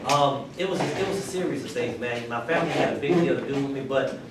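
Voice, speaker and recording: A man's voice: medium pitch, fast. A man with a Southern US accent talking informally as a teacher, telling stories conversationally. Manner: conversational storytelling, checks in with listeners. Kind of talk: informal classroom talk. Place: indoor classroom. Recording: very echoey, distant, noisy room.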